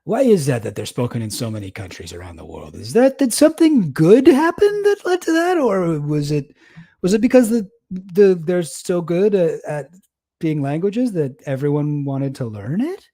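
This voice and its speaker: During a casual livestream, a streamer reacts to a debate in a mellow, fairly high-pitched voice at a moderate pace. He's very animated, rambles, pokes fun at himself, and laughs often.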